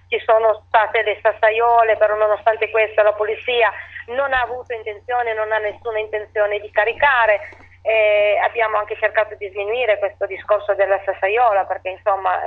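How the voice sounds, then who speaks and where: Woman mayor speaking over a tinny phone line. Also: mid-range voice. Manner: halting, restarts phrases often. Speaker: town mayor. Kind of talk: phone interview on radio.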